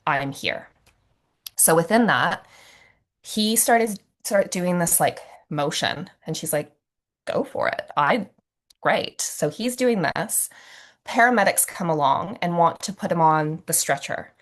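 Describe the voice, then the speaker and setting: Woman facilitator, lower register, conversational teaching on a call. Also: animated, measured pace. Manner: conversational storytelling, fillers and acted quotes. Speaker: trauma-informed facilitator. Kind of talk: teaching a recorded masterclass.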